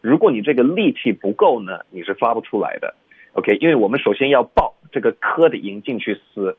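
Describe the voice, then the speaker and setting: Man, English teacher, radio lesson, slow explaining, mixes languages, dry tinny sound. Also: mid-range voice, animated, slightly rough, dry recording. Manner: explains slowly, mixes English and Chinese, stammers at times. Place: radio studio.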